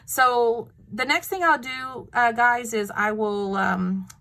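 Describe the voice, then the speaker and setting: A woman's voice: fairly high pitch, slow pace, pushed and bright. A woman with a Texas accent chatting casually about her crafts, rambling with lots of fillers and restarts. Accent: Texan. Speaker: craft vlogger. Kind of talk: casual crafting show-and-tell.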